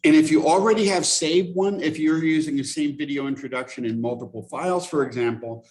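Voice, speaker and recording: Man, instructor, casual software demo, halting, self-correcting, video call audio, faint noise. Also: fairly high pitch. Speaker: instructor leading a teaching workshop.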